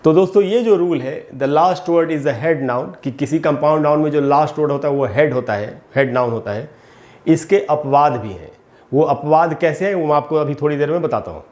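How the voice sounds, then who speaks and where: A man's voice: fairly high pitch, animated, a little fast, darkish tone. A man teaching English grammar to viewers in Hindi, explaining patiently and repeating each term, and he addresses the audience as friends again and again.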